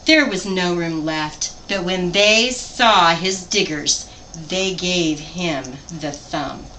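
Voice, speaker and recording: A woman reading a children's picture book aloud expressively, pausing to put simple questions to her listeners. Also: fairly low pitch, pushed and bright. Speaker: storybook reader. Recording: distant mic, faint background noise.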